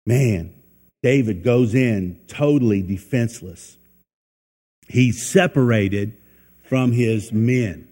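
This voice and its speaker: A man's voice: mid-range voice, a little mellow, big-room sound. A man preaching a sermon, folksy, asking his listeners questions and acting out the people in the story. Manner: folksy, asks the listeners questions, acts out quotes.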